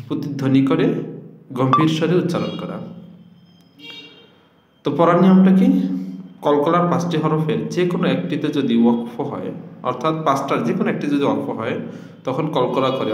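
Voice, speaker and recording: A man teaching a recorded lesson on Quran reading, explaining rules step by step and chanting example words in slow recitation. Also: mid-range voice, a little mellow, roomy sound.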